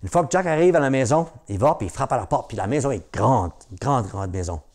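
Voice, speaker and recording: A man's voice: medium pitch, expressive, fairly quick, darkish tone. A man telling a folk tale aloud in a conversational way, with asides to his listeners. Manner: conversational, repetitive "il dit" framing, asides to listeners. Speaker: storyteller.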